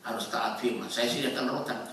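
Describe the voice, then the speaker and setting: A man preaching a sermon to a congregation, swinging between loud exhortation and hushed storytelling. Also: on the low side, steady tone, fairly quick, distant mic, a little hiss or hum. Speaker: pastor. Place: church hall. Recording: very echoey hall, voice from afar.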